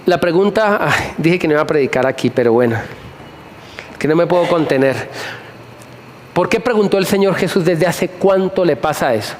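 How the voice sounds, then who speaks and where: A man preaching a sermon to a congregation, animated, repeating phrases and firing questions at the listeners. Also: a little high, normal speed, a little hiss or hum. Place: church hall before a congregation.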